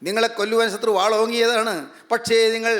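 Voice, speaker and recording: A man's voice: extremely high pitch, monotone, fairly quick, a bit bright. A man preaching a sermon, emphatic and repeating his phrases.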